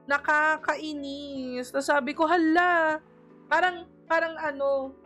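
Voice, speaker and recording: A woman's voice: high-pitched, steady tone, takes it slowly, fairly bright tone, soft background music. A Filipino woman in her thirties, a streamer and mother, chatting casually on a live stream and telling stories with lots of laughter. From Philippines. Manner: chatty storytelling, mixing in English, laughing often.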